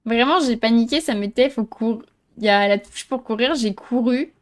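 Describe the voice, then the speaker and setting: With a voice on the high side and a moderate pace, a female streamer narrates her horror game playthrough. She keeps things jokey, makes fun of herself, and occasionally fumbles words she reads aloud.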